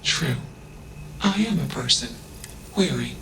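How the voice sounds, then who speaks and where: A literal-minded artificial intelligence from a video game, flat and emotionless. It speaks slowly in a gravelly monotone and tags each clipped statement with a label word. Steady noise sits behind the game audio. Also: male voice, mid-range voice, exaggerated voice, low-quality recording.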